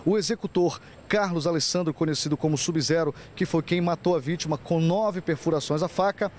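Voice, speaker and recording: Man, TV news reporter, crime report narration, slightly high voice, faint background noise. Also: darkish tone. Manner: brisk, pressing interviewer.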